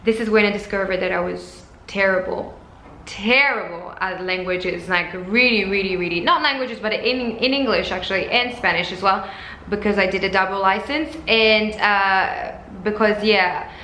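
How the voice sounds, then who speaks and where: A French woman in her twenties, a flight attendant whose first language is French, chats casually to camera in English for a vlog, full of fillers and restarts. Her mid-range voice is bright and forceful at a normal pace. The room is echoey, with faint background noise.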